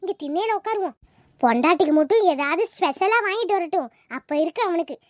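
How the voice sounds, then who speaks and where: Cartoon: woman doing a nagging grandma, very high, dry close mic. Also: animated, fast, dry recording. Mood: grumbling. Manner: scolding, grumbling. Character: sharp-tongued old village grandmother, nagging. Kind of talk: cartoon voice acting.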